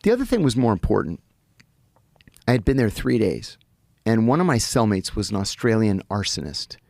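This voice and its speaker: A middle-aged man telling stories as a podcast guest, animated and vivid, often restarting his sentences. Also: lowish voice, normal speed, creaky, dry recording, studio quality. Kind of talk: anecdotal storytelling in conversation. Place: podcast studio.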